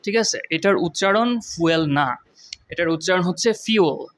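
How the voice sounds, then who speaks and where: A young man, teaching English vocabulary in a casual lesson, reading English examples slowly and explaining them with many fillers. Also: sits high, a bit bright, a little hiss or hum. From Bangladesh. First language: Bengali.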